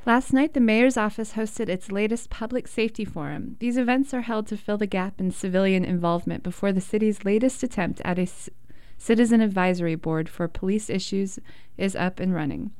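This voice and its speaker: A woman's voice: mid-range voice, brisk, a little mellow, smooth, no echo, clean studio sound. A woman reading a scripted news introduction as a radio anchor.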